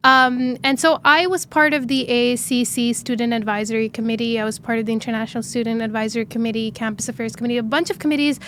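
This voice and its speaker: A woman in her twenties from Dubai, a startup founder telling her story in an interview, earnest and animated with frequent fillers. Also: a little high, fast talker, hardly any pauses, a little hiss or hum. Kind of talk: interview conversation.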